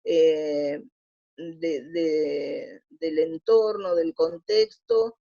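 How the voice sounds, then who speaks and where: Speaking Buenos Aires Spanish, this older Argentine woman is a guest in an interview, looking back on her past in a chatty way. She talks extremely slowly yet very animatedly, in a low, creaky, warm voice, captured on dull lo-fi audio.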